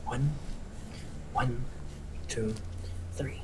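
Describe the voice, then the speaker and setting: A man's voice: medium pitch, steady tone, drawn-out words, heavy background noise. A man running a tabletop game as game master, narrating casually and loosely, with frequent swearing and restarts. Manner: loose, profane, trails off and restarts.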